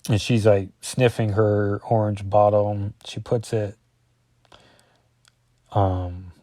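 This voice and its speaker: A man's voice: on the low side, level tone, slow, mellow, no room sound. A man casually reviewing a comic book, rambling with jokey asides.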